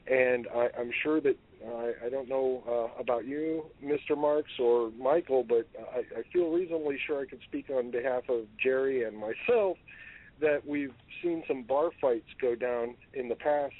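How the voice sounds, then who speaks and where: A male talk-radio co-host speaking casually, his thoughts coming out in halting bursts full of fillers and restarts. His voice sits at an ordinary middle pitch. It comes through a tinny, narrow phone line.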